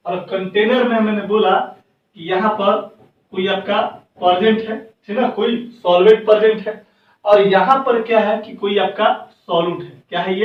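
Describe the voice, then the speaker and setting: A male chemistry teacher giving a lecture. He asks his class questions and answers them himself, and repeats words slowly while dictating notes. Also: high voice. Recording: distant, dull echoey room.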